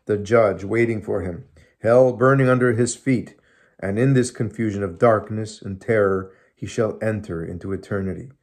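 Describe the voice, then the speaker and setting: Man in his fifties, lowish voice, solemn sermon reading, measured pace, small home room, close webcam mic. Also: darkish tone. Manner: measured, solemn reading with cited verses dropped low. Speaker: reader of old sermons. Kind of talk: reading aloud from a sermon book. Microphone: phone or webcam close in front.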